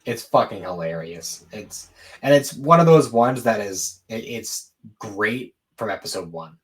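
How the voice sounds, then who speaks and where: With a lowish, expressive voice and a slightly slow pace, a male podcast co-host chats casually and offhandedly about anime and games.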